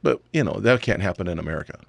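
A man's voice: low-pitched, animated, racing, creaky, no echo. A man hosting a talk radio show, ranting emphatically and firing off rhetorical questions. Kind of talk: opinionated talk radio chat.

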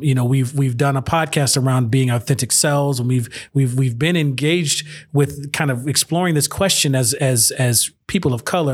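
A man hosting a podcast, speaking in a halting way with many restarts. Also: medium pitch. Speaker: podcast host. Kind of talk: casual podcast conversation.

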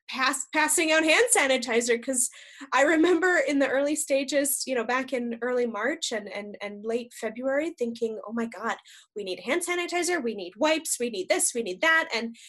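A woman's voice: sits high, a bit bright. A woman hosting an interview show, chatting casually and often restarting her sentences. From United States. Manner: chatty, full of restarts and repeated words. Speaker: podcast host.

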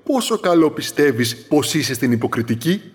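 A man's voice: fairly high pitch, sing-song. A man playing a playful fallen star, echoing. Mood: encouraging. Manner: playful, teasing. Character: lively playful fallen star, male, patient and wise. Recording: long reverb.

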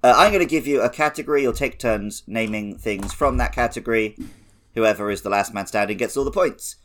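A man's voice: medium pitch, fairly quick, a bit bright, a little hiss or hum. Teasing man hosting a quiz. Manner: teasing, reads headlines then banters. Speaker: quiz host. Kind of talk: casual comedic game-show podcast.

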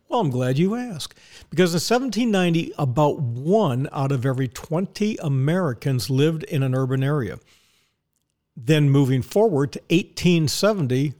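A man's voice: on the high side, a little mellow. A man hosting a podcast in a casual, folksy monologue, often putting questions and answering them himself. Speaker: podcast host.

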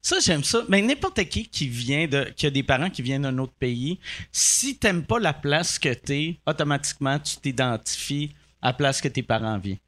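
A male podcast host jokes and banters with his guests. His voice is bright and somewhat high, and it swings widely in pitch as he riffs. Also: big pitch swings. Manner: joking, quick banter. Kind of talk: casual podcast interview.

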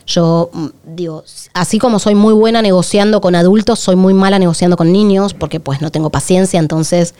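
A woman's voice: lowish voice, brisk, clear, resonant tone. A woman with a Rioplatense Spanish accent, co-hosting a podcast in candid, confessional chat. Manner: candid, confessional, animated storytelling. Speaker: podcast co-host.

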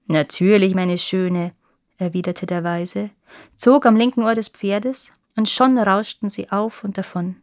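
A woman reads a fairy tale aloud in a lively, expressive storyteller's manner. Her voice sits at a middle pitch, and the recording is close and dry with no room sound. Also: a little slow, dry recording.

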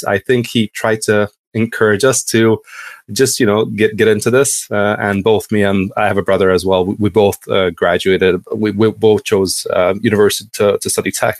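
A Hungarian man in his thirties, appearing as a podcast guest, tells his story in a relaxed, halting way and keeps restarting his sentences. His pitch is fairly low, and the recording is dry.

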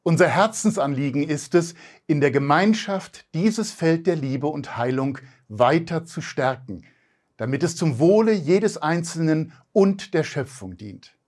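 Gentle man reading a promo. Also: a little high, expressive, unhurried. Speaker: event promoter. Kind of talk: scripted promotional voice-over.

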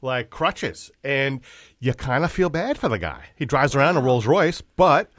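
A man's voice: mid-range voice, big pitch swings, measured pace, fairly bright tone, no echo, studio quality. A man co-hosting a podcast, casual and blunt, swearing and breaking in with tangents. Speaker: podcast co-host.

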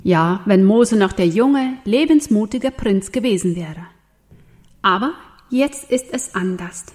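A woman reads a Bible story aloud to young children, gentle and earnest, asking her listeners questions along the way. Her medium-pitched voice is expressive and a little slow.

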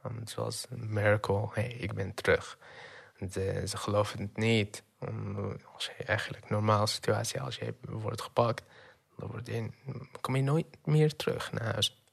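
Young man, from Syria, flat and even delivery, halting testimony, pauses and fillers, sober and low-key. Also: creaky, husky. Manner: halting, with many pauses and fillers, dropping in English words. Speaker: refugee telling his story. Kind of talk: personal testimony.

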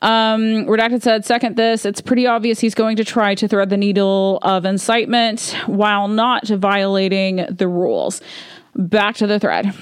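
A woman's voice: mid-range voice, moderate pace, smooth, no room sound, clean studio sound. A woman vlogger reading documents aloud with opinionated commentary, with frequent ums and punctuation read out.

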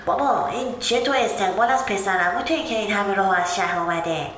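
A woman's voice: medium pitch, fairly bright tone, lightly acted. A woman reading a storybook, voicing a boastful city boy cousin who mocks everything in the village. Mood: mocking. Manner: mocking, boastful. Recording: roomy echo with background noise.

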